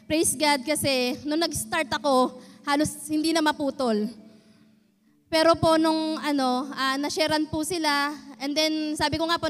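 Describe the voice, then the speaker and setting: A woman giving a nervous, halting, earnest personal testimony at a church service. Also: high voice, a bit bright. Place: church hall. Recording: reverberant church hall.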